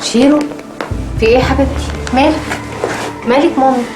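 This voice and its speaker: Brief: actress for a doting Egyptian mother, high and animated, with score under the dialogue. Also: fast, over music, lightly acted. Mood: coaxing. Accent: Egyptian Arabic. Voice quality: expressive, swings from soft coaxing to tearful outbursts. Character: doting Egyptian mother, middle-aged, emotional. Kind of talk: TV drama acting.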